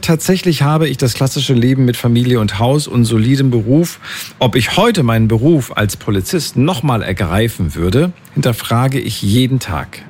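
A man's voice: mid-range voice, a little mellow, slight background noise. A man hosting a podcast, casually talking through poll results, thinking aloud and correcting himself mid-sentence. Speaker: podcast host. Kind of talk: casual chat about listener poll results.

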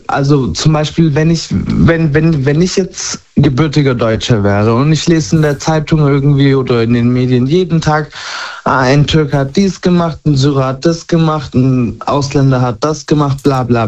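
A man in his twenties from Germany, talking candidly and haltingly about his own life in a conversation. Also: medium pitch, darkish tone. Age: 20s. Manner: halting, searching for words. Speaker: guest. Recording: dull lo-fi sound.

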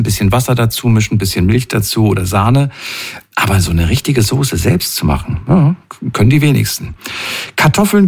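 A man's voice: mid-range voice, vocal fry, husky. A man hosting a radio phone-in show from the studio, chatting casually with callers and listeners. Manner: chatty, warm-hearted asides.

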